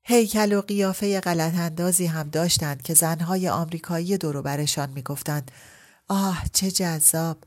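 A woman narrating a literary story as an audiobook, reading at a measured pace. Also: lowish voice, steady tone, darkish tone.

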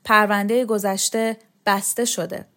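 A woman's voice: mid-range voice, faint music behind, lightly acted. A woman voicing a restless, bitter young man who lectures sardonically in an audio storybook. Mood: urgent warning.

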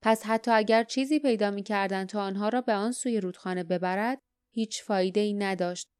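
An audiobook narrator, a woman with a clear voice, reads a story as scripted narration. Her voice is mid-range with a darkish tone, captured in a dry, studio-quality recording.

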